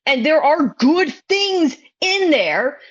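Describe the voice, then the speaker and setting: Higher-voiced woman on a dull lo-fi mic. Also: very animated, slow pace. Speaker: podcast co-host. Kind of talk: casual group discussion.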